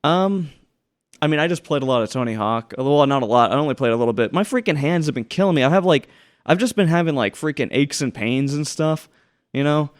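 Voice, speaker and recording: A man's voice: a little high, lively intonation, fairly quick. A young man co-hosting a casual lunch-break podcast, talking in a rambling way with many restarts. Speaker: podcast co-host. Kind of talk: casual chat.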